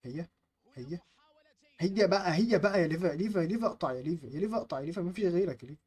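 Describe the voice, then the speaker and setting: A young man with an Egyptian Arabic accent, giving live gameplay commentary, excitable, chanting at the screen and muttering to calm himself. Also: sits high, very fast, husky. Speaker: gaming YouTuber.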